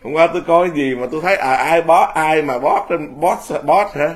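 A man's voice: fairly high pitch, normal speed. A man in his fifties, a Buddhist monk giving an informal talk, blunt and self-mocking, laughing often as he speaks.

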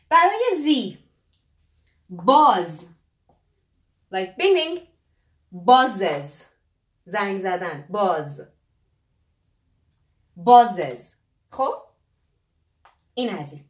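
Lively woman teaching English, echoey room. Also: medium pitch, far from the mic. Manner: lively, drawn-out English words. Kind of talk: explaining grammar at a whiteboard.

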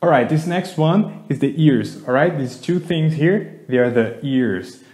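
A man's voice: a little high, lively intonation, measured pace, darkish tone. Playful man teaching, echoey room. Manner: playful, chatty, acts out each verb. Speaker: English teacher, co-host. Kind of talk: casual teaching with acted demonstrations.

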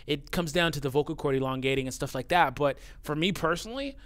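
This man's voice is a little high and a bit bright, with lively intonation and a fast pace. Talking casually to camera as a YouTuber, he reads out viewer comments bluntly, curses a lot, and gets worked up; he notes his voice sounds youthful.

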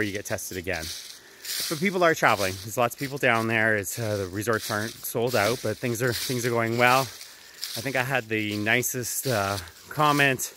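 A man with a mid-range voice gives a casual travel update while walking through autumn woods, talking conversationally in a walk-and-talk vlog style. He records on a phone held at arm's length while wearing earbuds, and the outdoor audio has background noise.

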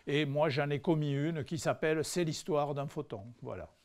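Brief: French man, public science lecturer, mid-high voice, hesitant and chatty, wry humor. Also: moderate pace, darkish tone. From France. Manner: conversational, hesitant with frequent fillers; dry humorous asides to the audience. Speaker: physicist giving a public lecture. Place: lecture hall before a live audience.

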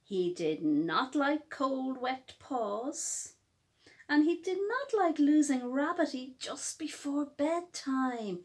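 A woman with a high voice reads a picture book aloud like a storyteller, using expressive, emphatic phrasing aimed at young children.

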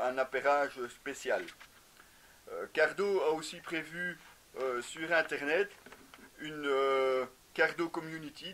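With a medium-pitched, slightly bright voice, a man in his thirties reviews motorcycle gear casually to camera. He's in an indoor garage lined with shelves, explaining with frequent hesitations, and a faint hiss or hum runs underneath.

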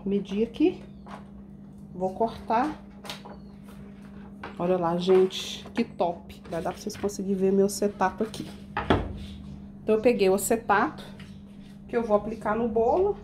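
A woman's voice: mid-range voice, measured pace, long pauses, darkish tone, slight background noise. A woman chatting to her viewers while decorating a cake in her home kitchen, explaining each step. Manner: chatty, addresses viewers as "gente". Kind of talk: casual baking tutorial.

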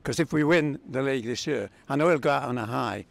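A man's voice: mid-range voice, fast talker, creaky. A man in his sixties giving his opinion in an outdoor street interview. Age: 60s. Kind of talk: street vox pop interview. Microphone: handheld interviewer's microphone. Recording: faint outdoor street ambience.

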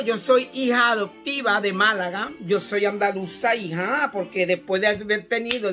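A middle-aged woman from Caracas with a Venezuelan accent, hosting a casual live chat from her living room, animated and affectionate with her listeners. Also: on the high side. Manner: animated and chatty, calls listeners "my love". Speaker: host. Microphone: phone at arm's length.

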